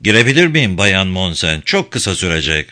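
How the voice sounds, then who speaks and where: A man's voice: big pitch swings, pushed and bright, exaggerated voice. Man doing a weary, guarded male detective. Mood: questioning. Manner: low, measured questioning.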